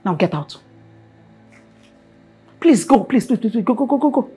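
A woman's voice: fairly high pitch, lively intonation, measured pace, dark tone, breathy edge, soft background music, exaggerated voice. A middle-aged Nigerian woman playing a scornful mother in a film drama, scolding and repeating herself. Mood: furious. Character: stern, scornful mother of a grown son.

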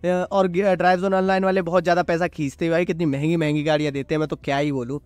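A man giving chatty, excited commentary on his mobile racing gameplay and calling himself "your brother.". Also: a little high, fast, smooth, no room sound. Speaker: mobile gaming YouTuber. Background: loud game music.

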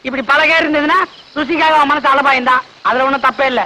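A man's voice: very high voice, fairly even intonation, quick pace, pushed and bright, a little hiss or hum, heavily acted, poor audio. A man acting a smug village quack doctor in a film comedy, explaining things with sly reasoning. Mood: lecturing. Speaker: actor in film scenes.

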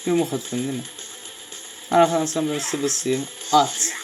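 A young man casually commenting on a fighting game as he plays, often shouting in surprise and swearing. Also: a little high, steady tone, brisk, low-quality recording. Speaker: gameplay streamer. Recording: music clearly heard behind.

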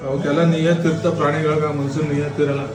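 A middle-aged father fires back quick, blunt retorts in a fairly high voice. The room rings around him with echo, and music plays underneath. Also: flat delivery. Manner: blunt, matter-of-fact retorts. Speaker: vlogger's father. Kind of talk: casual family chat.

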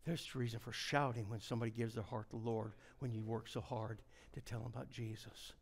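A middle-aged man preaching a revival sermon, telling folksy stories and swinging from hushed near-whispers to shouted climaxes. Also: medium pitch, fairly even intonation, fairly quick, slight background noise.

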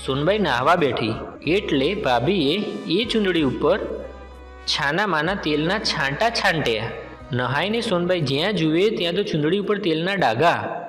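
A man narrates a folk tale in a steady, plain storytelling manner, his voice set fairly high. A long hall reverb trails his words and soft music plays underneath.

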